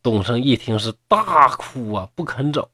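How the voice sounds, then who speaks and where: Lively, husky storyteller man. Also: mid-range voice, moderate pace, no echo, clean studio sound. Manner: chatty, lively, mocking asides. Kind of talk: folk-tale storytelling with asides.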